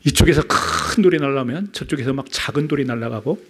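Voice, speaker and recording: A man preaching a sermon in a church, asking the congregation questions and dropping from loud emphasis to near-whispers. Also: medium pitch, fast talker, slightly rough. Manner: asks the congregation rhetorical questions. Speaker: pastor. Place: church sanctuary.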